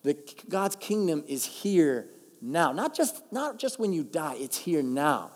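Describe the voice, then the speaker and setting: A male pastor preaching a conversational, emphatic sermon, slowing down to stress key phrases. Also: on the high side, very animated. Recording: long reverb of a large hall.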